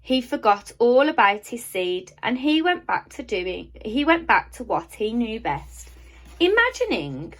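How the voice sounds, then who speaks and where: Reading from a children's picture book in a teacherly, primary-classroom style, a fairly high-pitched woman brings the story to life with deliberate pauses and emphasis on important words. The recording is rough.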